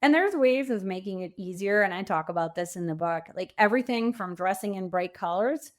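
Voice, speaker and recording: Brisk and lively, a medium-pitched woman tells stories on a podcast where she's a guest. She works as an author and coach, and her talk is casual and conversational, full of anecdotes and acted-out quotes.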